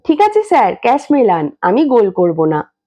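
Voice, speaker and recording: A woman voicing a polite, quiet stray dog, speaking meekly and slowly. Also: a little high, wildly swooping pitch. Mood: obliging. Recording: dull lo-fi recording.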